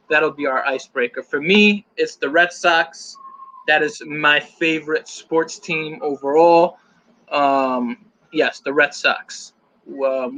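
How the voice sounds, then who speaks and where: Man hosting a live stream, bright voice, fairly high pitch, loose and joking. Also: poor audio. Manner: loose and joking, reading out chat comments. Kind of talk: casual live-stream chat.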